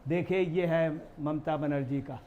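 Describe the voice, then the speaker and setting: Man, high-pitched, heated political commentary, rhetorical questions. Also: steady tone, unhurried, warm tone, lo-fi sound. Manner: emphatic, rhetorical questions, mocking impressions.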